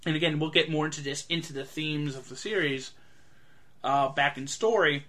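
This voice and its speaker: A man's voice: on the high side, normal speed, bright, forceful tone. Eager rambling man reviewing a film. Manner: enthusiastic, rambling, many fillers. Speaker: movie reviewer. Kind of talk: casual monologue review.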